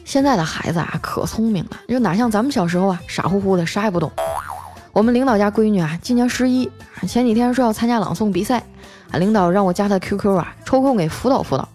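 A woman's voice: medium pitch, lively intonation, fast talker, a little mellow, faint music behind. A young woman hosting a comic audio show, telling funny stories and reading listener messages in a chatty, playful way. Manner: chatty, playful, trails phrases with 啊. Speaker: podcast host.

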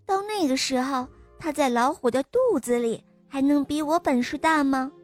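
A woman's voice: sits high, moderate pace, soft background music, lightly acted. A woman voicing a boastful boy giraffe who scoffs and brags. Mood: scoffing. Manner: scoffing, smug snorts. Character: boastful long-legged boy giraffe, smug.

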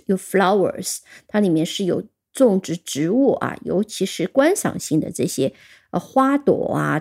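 A woman's voice: mid-range voice, vocal fry. A woman teaching English vocabulary, patiently explaining step by step and spelling words out letter by letter. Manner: explains step by step with soft fillers. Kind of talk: vocabulary lesson.

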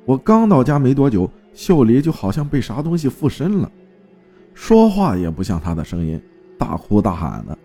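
A man's voice: medium pitch, sing-song, normal speed, dark tone, breathy edge, soft background music. A man voicing a worried village junk collector pleading urgently for help. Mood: anxious.

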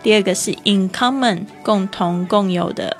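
A woman teaching English vocabulary, slowing down to read phrases and spelling words letter by letter. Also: medium pitch, soft background music.

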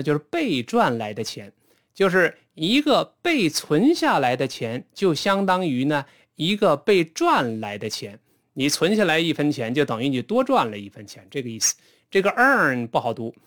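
Male pronunciation teacher, patient, demonstrates phrases slowly, bouncy intonation. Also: fairly high pitch. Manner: slow demonstrative drilling of English phrases. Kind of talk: online pronunciation lesson.

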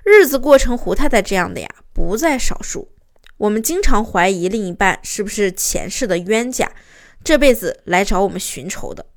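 A woman's voice: mid-range voice, expressive, moderate pace. A young woman, a host's assistant, narrating relationship advice and telling a client's story, acting out quoted arguments with rising emphasis.

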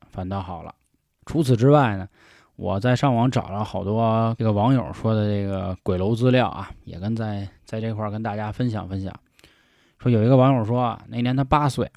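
A man's voice: on the low side, darkish tone, no room sound, clean studio sound. A man telling a ghost story in a casual, chatty way, often turning to listeners with folksy asides.

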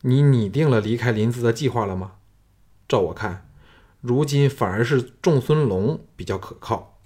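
A man's voice: animated, measured pace, darkish tone, close to an everyday voice. Man voicing an earnest, cautious old counselor. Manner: earnest, urging, lowered confiding voice.

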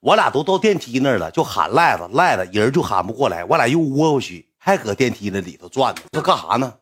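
Brief: rapid, husky Northeastern Chinese man, rough-spoken livestream storyteller. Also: medium pitch. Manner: rambling, rough-spoken, swings loud when animated. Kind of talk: casual storytelling to a live audience.

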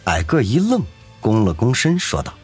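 A man narrating a serialized novel with expressive storytelling. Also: on the low side, normal speed, husky, faint music behind. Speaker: audiobook narrator.

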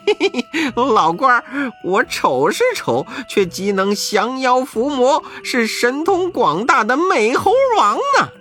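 A storyteller voicing a cheeky, boastful monkey king who talks loud and fast. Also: mid-range voice, huge pitch swings, faint music behind, pitched above the performer's own voice, exaggerated voice. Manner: shouting, quick and cocky. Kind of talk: children's storybook narration.

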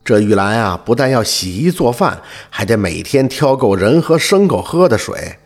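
Husky, animated male storyteller. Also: medium pitch, normal speed. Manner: animated, expressive, rising and falling. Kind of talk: folk tale storytelling.

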